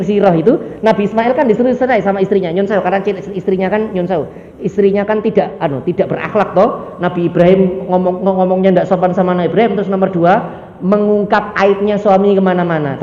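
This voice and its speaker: A man with an East Javanese accent preaching a lively, jokey mosque sermon and mimicking the people in his examples. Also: sits high. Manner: lively, jokey, acts out quoted voices. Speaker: ustadz preacher. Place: mosque hall. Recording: echoey dull hall sound, faint background noise.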